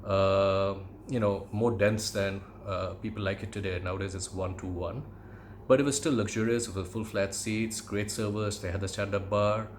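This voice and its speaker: Low-voiced Indian man, educated English accent. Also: steady tone, normal speed, slight background noise. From Calcutta, India. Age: middle-aged. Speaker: podcast host, aviation commentator. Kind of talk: reminiscing monologue, conversational commentary.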